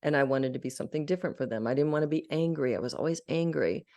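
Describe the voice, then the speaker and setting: A woman's voice: sits low, fast talker, warm tone. A middle-aged woman from Arkansas, a podcast guest telling her life story in an earnest, heartfelt and candid way. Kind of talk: personal storytelling in a podcast interview.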